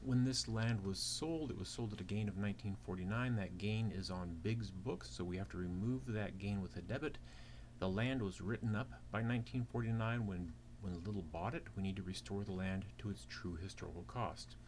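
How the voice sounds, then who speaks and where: A man with a lowish, darkish voice talks a little fast as a teaching assistant, walking through a worked problem step by step and posing rhetorical questions. Keyboard typing can be heard in the clear background noise.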